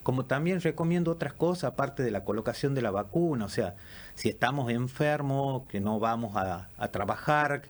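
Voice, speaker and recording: A man, a lung doctor answering questions in a radio interview, measured and explanatory with frequent fillers. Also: mid-range voice, expressive. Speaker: pulmonologist guest.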